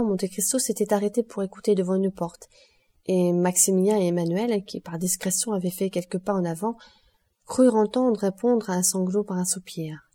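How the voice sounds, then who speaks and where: A woman reading a classic novel as an audiobook, in a steady, measured way. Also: mid-range voice. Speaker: audiobook narrator. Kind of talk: audiobook narration.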